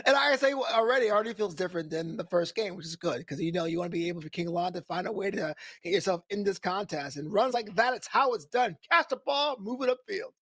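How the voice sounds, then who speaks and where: A man's voice: high-pitched, fast talker, hardly any pauses, husky, dry recording. A man giving color commentary on a video game football match, playful and joking, laughing often.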